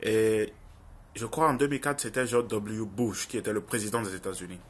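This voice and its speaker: Brisk and steady in tone, this young man's voice sits on the low side with a breathy edge. He is an online video commentator with a Francophone African accent, giving viewers an informal opinion monologue. He sounds earnest and insistent, repeating phrases for emphasis.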